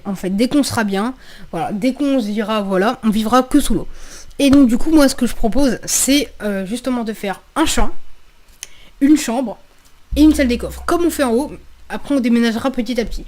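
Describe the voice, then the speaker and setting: A woman's voice: a little high, brisk, a little mellow. A woman giving casual, slangy let's play commentary, swearing freely and thinking aloud as she repeats her phrases. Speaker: gaming video creator.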